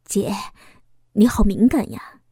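A woman voicing a young man who is a teasing, devoted lover, speaking in a sly, soft, intimate way. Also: mid-range voice, slow pace, husky, dry recording, studio quality. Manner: playful, sly, softly intimate.

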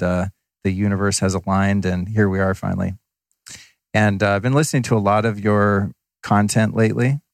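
A man with a fairly low voice hosts an interview show. He introduces the conversation and poses questions, recorded close and dry. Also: no room sound. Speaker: podcast host.

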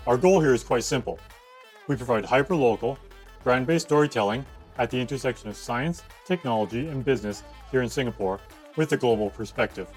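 A man hosting a podcast, reading a scripted intro and asking interview questions in a measured, upbeat way. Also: medium pitch, soft background music. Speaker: podcast host.

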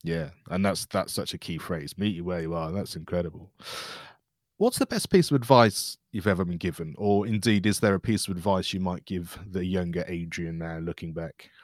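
A man's voice: low-pitched, animated, moderate pace, no echo, studio quality. A man hosting a reflective interview, talking in long, affirming, winding sentences. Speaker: interview show host.

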